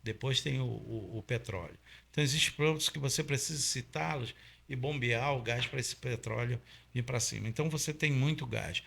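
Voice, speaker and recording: Speaking Brazilian Portuguese with a Paraense accent, the middle-aged guest from Pará explains step by step in an interview, leaning on fillers and tag questions. He works as an oil industry safety trainer, and his medium-pitched voice is creaky, bright and forceful.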